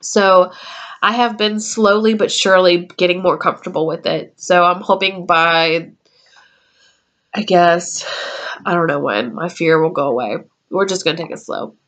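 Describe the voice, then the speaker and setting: A woman's voice: on the low side, fairly even intonation, moderate pace, a bit bright. A woman in her twenties talks casually to camera from her room at home, chatty and meandering, with frequent ums as she works through a list. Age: 20s. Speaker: YouTuber. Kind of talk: casual vlog talk.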